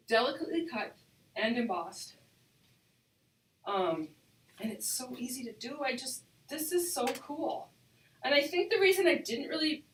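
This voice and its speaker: A middle-aged woman with a high, slightly bright voice chats enthusiastically and ramblingly while hosting a casual live craft tutorial as the demonstrator. Her voice sounds hollow and cave-like, as if off-mic, and the low-quality recording carries a little hiss or hum.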